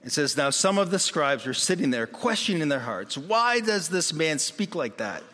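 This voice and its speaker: A man preaching a sermon in an animated way, acting out the voices of the people in his story. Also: on the high side, normal speed. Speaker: pastor. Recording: long reverb of a hall.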